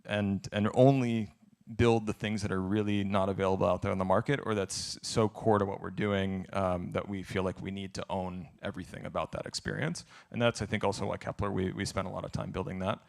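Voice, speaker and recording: A man's voice: sits low, fairly even intonation, a little fast, creaky, darkish tone. A man answering audience questions at a conference, candid and thinking aloud as he talks. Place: conference event.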